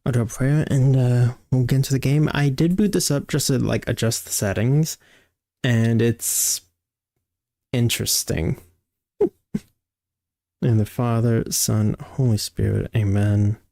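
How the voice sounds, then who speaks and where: A man's voice: mid-range voice, unhurried, gravelly, long pauses, dark tone, no room sound, studio quality. A man hosting a live stream, chatting casually and greeting viewers by name, on livestream headset audio. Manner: easygoing, greets chat by name.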